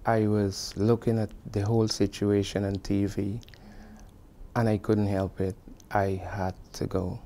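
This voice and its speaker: A middle-aged construction supervisor with a Guyanese accent gives oral-history testimony about his own experiences, speaking earnestly and emphatically and repeating phrases for emphasis. His voice is fairly low, gravelly and mellow.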